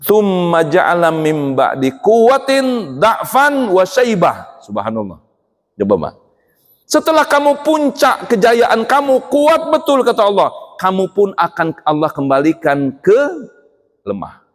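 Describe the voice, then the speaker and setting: In a mosque hall with long reverb, a middle-aged man from Indonesia delivers a sermon in a high-pitched voice at a slightly slow pace. He is lively and keeps asking the congregation questions.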